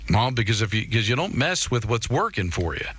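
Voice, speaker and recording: A man's voice: fairly low pitch, big pitch swings, a little fast, fairly bright tone, slightly rough. A man co-hosting a sports talk radio show, arguing emphatically with repeated starts and rhetorical questions.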